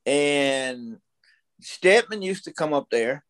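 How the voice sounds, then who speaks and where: An American man in his fifties, appearing as a podcast guest, tells stories in casual conversation, blunt and opinionated and repeating himself for emphasis. His fairly high, fairly bright voice has lively intonation and moves slowly.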